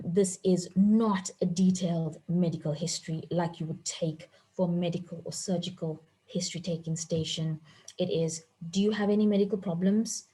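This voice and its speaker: A woman teaching a medical history-taking session, speaking in a clear, instructive way and repeating her key points. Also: fairly low pitch, darkish tone, rough recording. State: voice a bit off.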